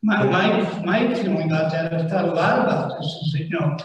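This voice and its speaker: A man on a zoning board reasoning aloud in a measured, hesitant way during a town meeting. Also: a little high, slight background noise. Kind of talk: deliberative meeting discussion. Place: large town meeting room. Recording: echoey hall, distant room mic.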